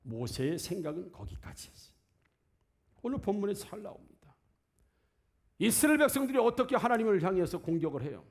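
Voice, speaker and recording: A man's voice: sits high, sing-song, brisk, creaky, pauses often. A man preaching a sermon in a church, speaking conversationally and firing rhetorical questions at the congregation. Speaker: pastor. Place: church sanctuary.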